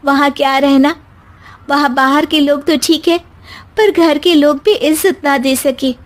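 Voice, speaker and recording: A woman's voice: high voice, fairly even intonation, a little slow, voice pushed up. A woman voicing an educated, outspoken young daughter-in-law in a story, with an earnest, articulate way of talking. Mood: hurt, defiant.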